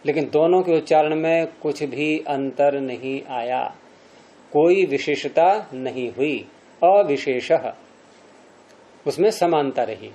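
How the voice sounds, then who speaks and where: A male teacher gives a slow-paced lecture on Sanskrit grammar in a fairly high voice that remains mellow and warm. He walks through each point step by step while constantly peppering his students with questions.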